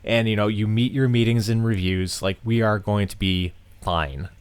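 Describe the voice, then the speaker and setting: A man's voice: fairly low pitch, fairly even intonation, normal speed, clear, resonant tone, no room sound. A man co-hosting a podcast in casual chat, teasing his co-host and swearing freely.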